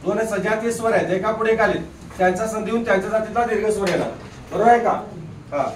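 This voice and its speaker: A man's voice: sits high, quick pace, recorded from a distance, slight background noise. A man teaching a grammar lesson in a classroom, drilling students with repeated questions and teasing them now and then. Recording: echoey room, voice off-mic.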